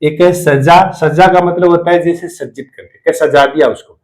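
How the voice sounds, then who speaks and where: A man's voice: on the high side, fairly even intonation, moderate pace, darkish tone, low-quality recording. A middle-aged man teaching a Hindi grammar class, explaining and repeating key words as he goes. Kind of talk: classroom lecture on word pairs.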